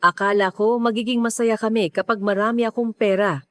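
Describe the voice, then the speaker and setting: Gentle, protective bookstore owner, read by a woman narrator, dry close sound. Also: mid-range voice, brisk, no room sound, lightly acted. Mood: regretful. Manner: calm, protective, confiding. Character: gentle grieving bookstore owner, middle-aged man.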